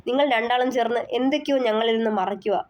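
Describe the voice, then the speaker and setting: A woman's voice: a little high, racing, darkish tone, lightly acted. A woman doing a young guy pushing his dad for answers, restrained anger, audio story. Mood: insistent. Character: worried young man demanding answers from his father.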